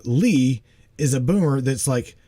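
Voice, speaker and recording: A man in his forties hosts a casual livestream in a mellow, warm voice. He talks animatedly and emphatically. He repeats himself and keeps checking in with his listener. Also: mid-range voice, lively intonation, unhurried. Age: 40s. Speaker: host.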